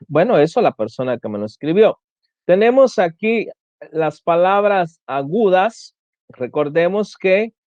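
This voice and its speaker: Slow, patient Spanish grammar teacher. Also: medium pitch, a little mellow, dry recording. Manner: slow, explanatory, lists words one by one. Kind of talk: online class lecture. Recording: dull lo-fi sound.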